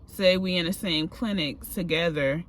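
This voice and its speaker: A woman's voice: on the low side, normal speed. A woman vlogger who works as a medical assistant, chatting casually with advice, rambling from topic to topic and sounding tired and a bit out of breath. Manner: rambling, drifting between topics. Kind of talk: casual advice talk to camera.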